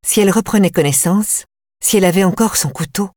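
A woman reading a first-person audiobook in a measured, tense way. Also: medium pitch, darkish tone, no room sound, studio quality. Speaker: audiobook narrator.

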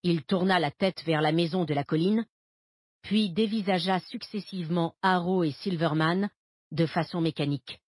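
Woman reading a thriller, husky and dry. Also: fairly low pitch, normal speed, dry recording. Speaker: narrator. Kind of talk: scripted audiobook narration.

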